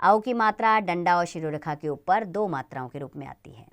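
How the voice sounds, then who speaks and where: A woman teaching a grammar lesson to children, spelling out sounds slowly and deliberately. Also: lowish voice, animated.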